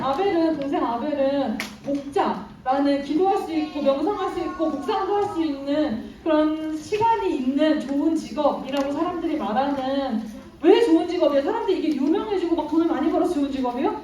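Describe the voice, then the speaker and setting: A woman with a high voice tells a Bible story to a room of children. She keeps asking them questions, praises their answers and laughs often. She is heard from a distance in a strongly echoing room, with faint noise underneath. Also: mellow. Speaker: children's Sunday school teacher. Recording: echoey room from far off.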